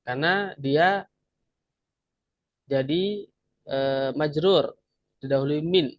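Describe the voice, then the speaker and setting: A man's voice: on the high side, slow pace, no room sound. A man teaching an Arabic grammar class online, patiently explaining step by step and repeating each word. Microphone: video call. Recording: dull lo-fi video call audio.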